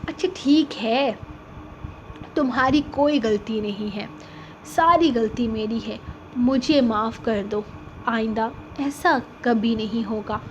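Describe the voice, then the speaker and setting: Figure: affectionate young husband read by a woman. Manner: soft, gently coaxing. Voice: high and light. Style: audiobook novel reading. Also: highs cut off, slight background noise, close to an everyday voice.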